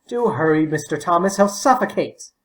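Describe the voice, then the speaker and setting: A man's voice: on the high side, animated, moderate pace, voice pushed up, close to an everyday voice, poor audio. A man doing an urgent, polite young boy. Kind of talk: audiobook character voice.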